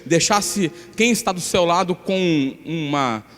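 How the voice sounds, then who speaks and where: A man's voice: fairly high pitch, slow, a bit bright. A man from Brazil, a pastor, preaching a sermon, coaxing the congregation to repeat phrases and reading scripture aloud with emphatic stress. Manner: coaxes the congregation to repeat phrases after him. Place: church hall. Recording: long hall reverb with faint music.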